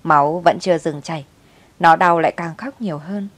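Low-voiced woman telling a story. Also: brisk, no echo. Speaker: narrator. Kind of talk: storybook narration.

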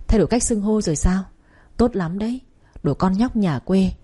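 A woman's voice: mid-range voice, animated, normal speed, dark tone, husky. A woman voicing a spiteful, jealous young woman who speaks with open contempt. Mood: sneering. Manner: sneering, contemptuous.

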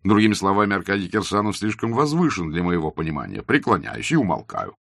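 A man's voice: low voice, very animated, fast, gravelly, fairly bright tone, no echo, studio quality, full character voice. A man voicing a scornful young nihilist who talks in curt, sarcastic jabs. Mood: mocking.

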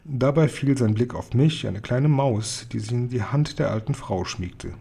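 A man reading a children's novel aloud as narrator, calm and even. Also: mid-range voice, measured pace, creaky, breathy edge. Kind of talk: audiobook reading.

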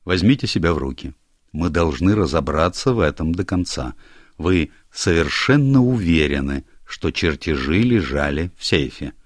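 A man's voice: extremely low pitch, expressive, normal speed, no room sound, clean studio sound. A man doing a curt, stern minister. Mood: irritated. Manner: curt, commanding, irritable. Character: stern older male government minister. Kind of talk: audiobook character voice.

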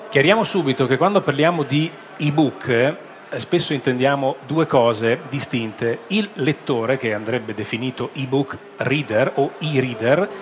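A man hosting a live radio talk show, pausing mid-sentence as he presents. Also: mid-range voice, slight background noise. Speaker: radio host. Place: live broadcast stand at a busy book fair.

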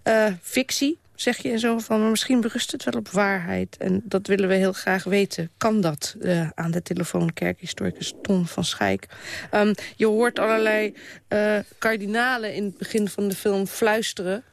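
Gravelly high-voiced male radio host. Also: fairly even intonation, normal speed, no echo. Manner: hesitant, with many fillers. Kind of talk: radio interview.

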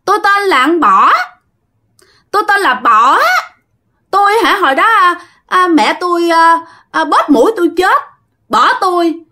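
Woman putting on a coy, high drowned-girl ghost. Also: animated, unhurried, pauses often, sharp tone, full character voice. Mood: coy, stubborn. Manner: coy, whiny and high-pitched.

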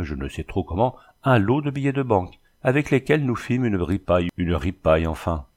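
Low-voiced man narrating an adventure novel. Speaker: audiobook reader. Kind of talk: storybook narration.

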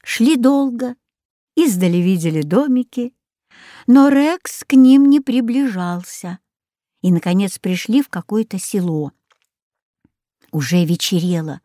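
A woman reading a children's storybook aloud in a clear, expressive way. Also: medium pitch, measured pace, long pauses, dry recording, studio quality. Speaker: audiobook reader.

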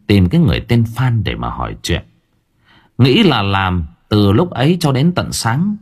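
Husky expressive male story narrator. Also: fairly low pitch. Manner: expressive, dramatic reading. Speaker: audiobook narrator.

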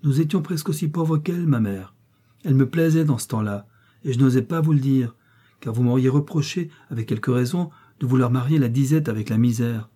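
Gentle, firm young miller, dark husky voice, read by a man. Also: medium pitch, a little fast, natural voice. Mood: calm, firm. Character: calm determined young miller son.

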